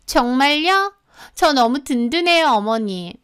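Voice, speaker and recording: A woman voicing a fawning, two-faced young sister-in-law in a radio drama, speaking softly in a wheedling, sugary way. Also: high-pitched, expressive, a little slow. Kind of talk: Korean story radio drama.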